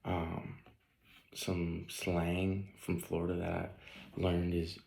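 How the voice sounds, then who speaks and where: A young man with a slight Northeast Ohio accent talks through a casual class video, filling it with ums and likes. His voice is low and gravelly and stays fairly flat. The sound is roomy, with clear echo. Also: slow pace. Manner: rambling, many ums and likes. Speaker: student.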